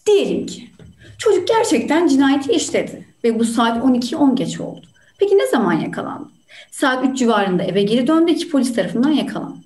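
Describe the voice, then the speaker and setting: A woman playing a polite, thoughtful juror, asking measured questions over a video call. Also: sits high, very animated, darkish tone. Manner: measured, courteous. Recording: roomy room sound.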